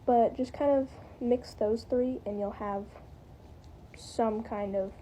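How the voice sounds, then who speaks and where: A woman's voice: fairly high pitch, steady tone, slow, warm tone, slight background noise, poor audio. A woman giving a casual, rambling spoken tutorial, hedging with lots of "like" and "kind of". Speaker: tutorial maker.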